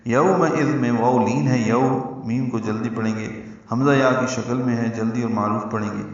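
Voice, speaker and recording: A man's voice: medium pitch, fairly even intonation. Echoey man teaching Quran recitation rules. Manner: explains letter by letter, then chants verses slowly. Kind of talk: tajweed lesson with chanted recitation. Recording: echoey, distant, dull audio.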